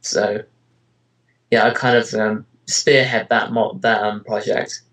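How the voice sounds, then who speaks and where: He speaks slowly in a lowish, level voice that is a bit bright, captured on a low-quality recording. The man, an amateur voice actor and web parody creator, rambles hesitantly through casual interview questions with many "you know"s and "kind of"s.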